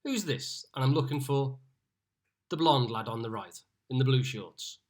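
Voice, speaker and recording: A man's voice: medium pitch, expressive, normal speed. Man hosting a video-call pub quiz. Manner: reads each question twice, with chatty asides. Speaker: quiz host.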